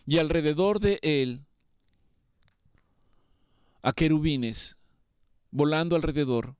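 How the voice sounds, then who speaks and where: Preacher guy giving an earnest sermon, gets emphatic, kinda high voice, dry sound. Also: clear, resonant tone, dry recording. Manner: earnest, rising to emphatic appeals.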